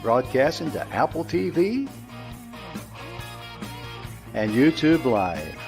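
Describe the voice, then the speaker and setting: Slow male announcer over guitar. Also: medium pitch, vocal fry. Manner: slow, measured, lively announcing. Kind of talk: scripted show intro. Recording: guitar music behind. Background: guitar music.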